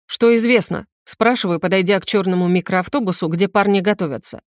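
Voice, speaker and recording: A woman reading a first-person crime novel aloud in an even, matter-of-fact way. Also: on the low side, fast talker, no room sound, studio quality. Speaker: audiobook reader. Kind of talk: first-person scripted narration.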